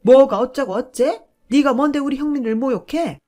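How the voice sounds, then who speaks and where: A woman voicing a domineering, loud middle-aged mother-in-law who scolds and belittles in a shrill voice. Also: expressive, normal speed, natural voice. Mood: scolding.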